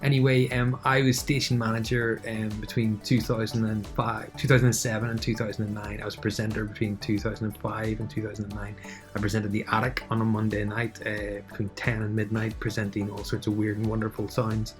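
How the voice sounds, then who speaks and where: A man's voice: fairly low pitch, monotone, a little fast, faint music behind. A middle-aged man speaking casually and a little hesitantly, with a missing front tooth. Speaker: former radio station manager and presenter. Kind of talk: casual self-recorded message.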